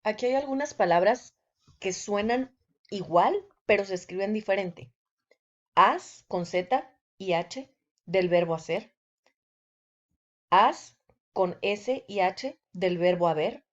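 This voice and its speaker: Female teacher, measured scripted lesson delivery, slow pace, slightly muffled recording. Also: mid-range voice, expressive. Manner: slow, deliberate delivery with example sentences. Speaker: language teacher.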